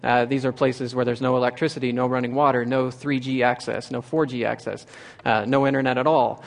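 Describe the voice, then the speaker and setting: A man's voice: little pitch movement, fairly quick, creaky. Earnest man telling a story on stage. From Nebraska, USA. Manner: earnest, restarts phrases, rises in pitch for quoted voices. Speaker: speaker giving a talk. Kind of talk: storytelling talk.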